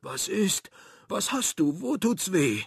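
A man's voice: high-pitched, very animated, slow, gravelly, slightly rough, dry recording, studio quality, voice pushed up, exaggerated voice. A man playing a boisterous, doting sea captain who is a father, in a hearty, exclamatory voice. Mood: worried.

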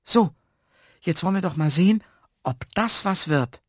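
Man doing high, eager little gentleman. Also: animated, measured pace, no echo, studio quality. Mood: excited. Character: small, cheerful man, hopeful gardener.

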